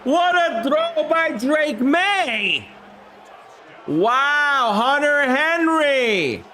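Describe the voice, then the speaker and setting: On a live stream, a man whose voice is hoarse and worn from the flu calls play by play for a video game football simulation, chatting with viewers and shouting on big plays. His voice is extremely high-pitched and very animated, yet he speaks extremely slowly, with a little hiss or hum in the audio.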